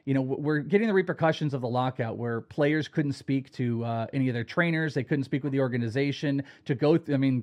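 Man, slightly high voice, rambling, animated, casual podcast chat. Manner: rambling, animated, lots of fillers. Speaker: fantasy baseball analyst.

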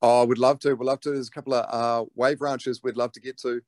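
A man's voice: medium pitch, flat delivery, fairly quick, no room sound, studio quality. A man with a broad New Zealand accent chatting casually in an interview, laid-back and matey. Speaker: interviewed rock band lead singer.

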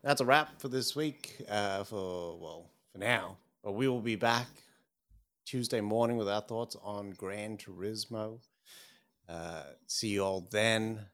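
A man's voice: on the low side, takes it slowly, a bit bright. A man co-hosting a movie podcast, reacting to his partner with short exclamations and wrapping up the show. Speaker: podcast co-host. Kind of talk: casual chat, signing off the show.

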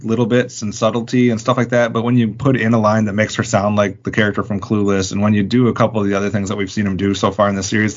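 Guy rambling on a podcast, kinda low voice, dull lo-fi sound. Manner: rambling, relaxed, with fillers. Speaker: podcast co-host. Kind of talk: casual podcast chat.

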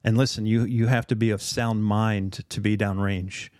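An earnest middle-aged man talks through a casual podcast conversation, pausing often on fillers as he reflects. His voice sits a little low. The sound is close and dry. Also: level tone, a little mellow, no echo. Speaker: podcast host.

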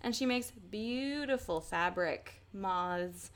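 A woman's voice: medium pitch, slow pace. A woman co-hosting a podcast in casual chat, chatty and self-mocking and laughing often. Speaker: podcast co-host.

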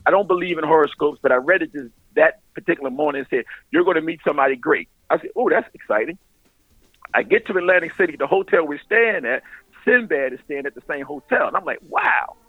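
A middle-aged man, a stand-up comedian, telling stories in casual animated chat, laughing often and talking in loose street slang. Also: on the high side, fast talker, no room sound. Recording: phone-like radio line.

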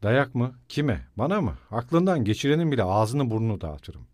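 A man voicing a hot-tempered, loyal young male student who shouts, scolds and pleads in a loud, blustering way, in a dry audiobook recording. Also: mid-range voice, sing-song, normal speed, dry recording, natural voice. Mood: insistent.

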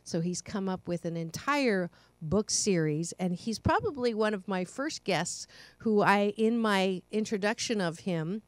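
A woman's voice: medium pitch, animated, measured pace, no echo. A middle-aged woman hosting a talk show in a bubbly, effusive way, with frequent laughter. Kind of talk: casual interview chat.

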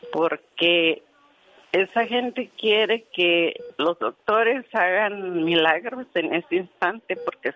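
A woman's voice: on the low side, muffled recording. Earnest woman telling a nurse's story. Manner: earnest, vivid storyteller who acts out dialogue. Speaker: retired hospital nurse guest. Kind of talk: casual radio chat, telling a story.

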